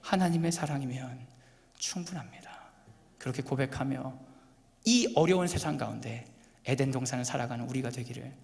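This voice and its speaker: A man preaching a sermon as a pastor, shifting from hushed near-whispers to loud, impassioned exhortation, sweating from the heat. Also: mid-range voice, a little fast, gravelly. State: sweating and hot. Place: church hall. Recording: long hall reverb.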